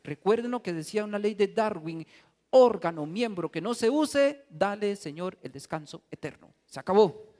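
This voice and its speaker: Animated priest in echoing church. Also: male voice, sits high, moderate pace. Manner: animated, humorous storytelling. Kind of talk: sermon. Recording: reverberant church hall.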